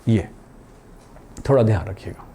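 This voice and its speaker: A man's voice: fairly low pitch, lively intonation, measured pace, vocal fry, dark tone, slight background noise. A middle-aged man teaching a chemistry lesson in a chatty way, asking and answering his own questions and using everyday examples. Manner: colloquial, calls students beta, jokes. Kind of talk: chatty classroom lecture.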